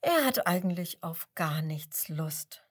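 A woman narrating a children's story in a gentle, expressive reading style. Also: fairly low pitch, slow pace.

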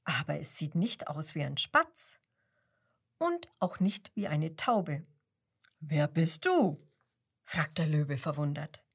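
Slow, expressive woman reading a children's story. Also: on the low side, slightly rough.

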